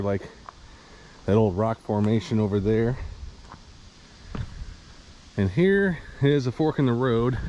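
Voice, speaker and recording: A man's voice: mid-range voice, a little mellow, a little hiss or hum. A man with a Midwestern American accent, chatting casually and rambling with chuckles as he hikes a wooded trail, a little out of breath. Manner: rambling, chuckling, hedging with fillers. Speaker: hiking vlogger. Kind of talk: casual vlog narration while hiking. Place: outdoors on a wooded hiking trail.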